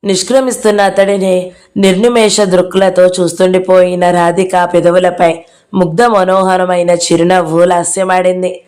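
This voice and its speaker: A woman's voice: lowish voice, flat delivery, moderate pace, a little mellow. A woman narrating a novel aloud as an audio-book reader, reading out every character herself.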